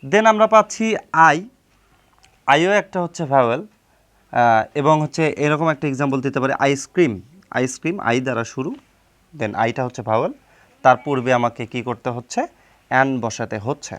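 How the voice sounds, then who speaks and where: A man teaching an English grammar lesson in a Bangladeshi Bengali accent, his pitch swinging lively up and down as he explains. He asks his listeners rhetorical questions and answers them himself, and spells words out slowly letter by letter.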